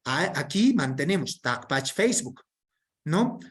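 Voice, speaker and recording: A man's voice: on the high side, sing-song, unhurried, fairly bright tone. A man presenting an online workshop, reading through a term list in an explanatory way and often checking in with tag questions.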